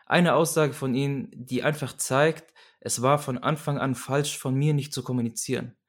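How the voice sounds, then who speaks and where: A young man in an interview talking candidly about his own life. His delivery is earnest and searching, with frequent restarts and repetitions as he works his way toward what he means. His voice sits at a middle pitch. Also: steady tone, normal speed. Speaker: guest. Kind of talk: candid personal storytelling.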